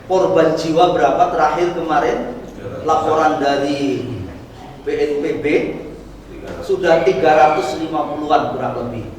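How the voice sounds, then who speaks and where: Male preacher, high voice, distant mic in a reverberant mosque hall, faint ambience. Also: slight background noise. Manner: explanatory, asks the audience questions. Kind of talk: dawn sermon to a congregation. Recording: echoey hall from far off.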